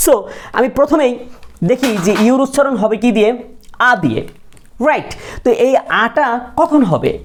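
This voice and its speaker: A woman's voice: a little high, lively intonation, unhurried, slight background noise. Bangladeshi lady teacher going over english sounds, asks the class then answers herself, coughs a bit. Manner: explains step by step, asks the class questions and answers them; mixes Bengali with English words. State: coughing, clears her throat. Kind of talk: classroom lesson at a board.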